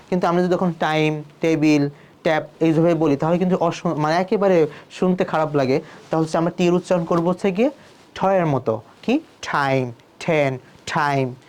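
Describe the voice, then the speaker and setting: A man teaching an online spoken English class. He repeats each sound slowly as he demonstrates it, with filler hesitations. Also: a little high, darkish tone. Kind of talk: online video lesson.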